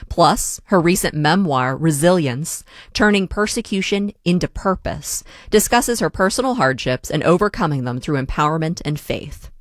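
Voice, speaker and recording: A woman hosting a public radio interview show, calm and steady, reading scripted introductions and asking questions. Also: sits low, moderate pace, no echo, studio quality. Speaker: radio host. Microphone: studio mic.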